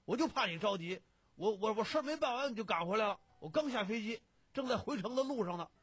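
A man reading a story aloud, voicing a boisterous middle-aged man who shouts excitedly down the phone. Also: high-pitched, quick pace, husky, no echo, pitched above the performer's own voice, exaggerated voice. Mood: loud, insistent.

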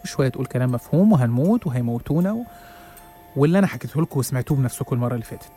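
A man's voice: medium pitch, lively intonation, rapid-fire, warm tone. A young man with an Egyptian accent narrating a first-person horror story in a dramatic way, with hesitant restarts. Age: young adult. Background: faint music.

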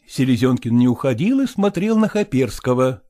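A man's voice: mid-range voice, big pitch swings, moderate pace, mellow. Man reading a classic novel aloud. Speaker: audiobook reader. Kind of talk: scripted narration of a classic novel.

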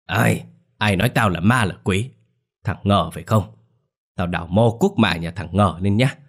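Snarly old granny screaming curses, half-crazed and starving, man putting it on, loud. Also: low-pitched, a little fast. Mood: furious. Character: ravenous, foul-mouthed old grandmother, possessed and wild.

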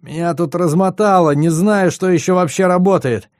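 A man's voice: sits high, moderate pace, darkish tone, dry recording, clean studio sound, pitched above the performer's own voice, natural voice. A man voicing an injured male pilot adrift in space, talking in a frantic, gasping way. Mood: panicky.

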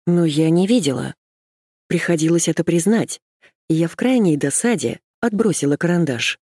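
Female audiobook narrator, steady first-person storytelling, dry close mic. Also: lowish voice, normal speed, slightly rough, no room sound.

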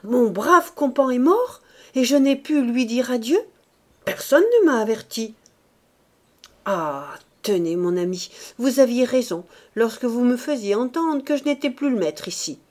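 A woman's voice: mid-range voice, expressive, measured pace, a little mellow. A woman voicing a timid, fretful old male bishop who talks in a plaintive, raised voice with anxious outbursts. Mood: alarmed, indignant.

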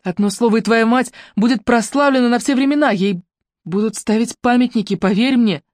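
A woman reading an audiobook, voicing a bold, sharp-witted teenage girl detective who talks high and insistently. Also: a little fast, no room sound, clean studio sound, natural voice. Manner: high, bright and insistent, shouting over wind. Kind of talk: audiobook character voice.

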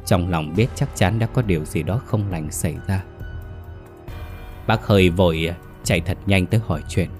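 A man narrating a ghost story in a steady, dramatic telling. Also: deep voice, normal speed, faint music behind.

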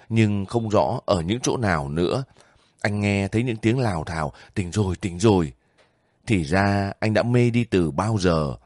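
A man narrating a war novel in a steady, measured storytelling voice. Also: lowish voice, no echo, clean studio sound. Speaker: audiobook narrator.

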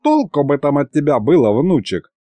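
Man voicing a wry old grandpa, high cracked voice, chuckling, very lively. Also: moderate pace, no room sound.

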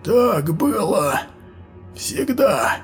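A man voicing a tormented, chained giant man in an audiobook, hissing and straining into desperate shouts. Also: high voice, big pitch swings, drawn-out words, faint music behind, pitched above the performer's own voice, heavily acted.

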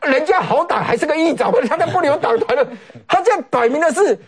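A man with a Taiwanese Mandarin accent talks quickly, with a pitch that leaps up and down. He is a political commentator on a talk show, animated and sarcastic, often imitating other people's words.

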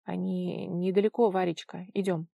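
A woman reader voicing a gentle, teasing young man in love, soft and soothing in manner. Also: fairly low pitch, little pitch movement, moderate pace, vocal fry, dry recording, lo-fi sound. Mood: puzzled.

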